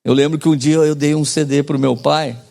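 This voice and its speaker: A man's voice: a little high, fairly even intonation, fairly quick, vocal fry, dark tone. A man in his forties preaching a sermon as pastor, in a casual joking manner with slang and call-and-response to the congregation.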